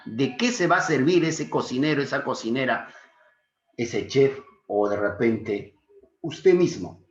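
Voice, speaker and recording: A man teaching a secondary school literature class online. He keeps asking his students questions and calls them his dear students. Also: medium pitch. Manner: animated, questions students often, affectionate teacherly asides. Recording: echoey room, dull lo-fi sound.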